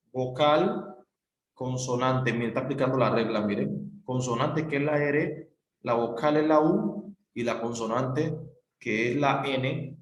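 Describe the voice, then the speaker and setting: Male teacher, mid-pitched, patient and repetitive, recorded in a roomy space. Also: a little hiss or hum. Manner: patient, repetitive, spells out letters. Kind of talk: recorded classroom explanation. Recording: echoey room.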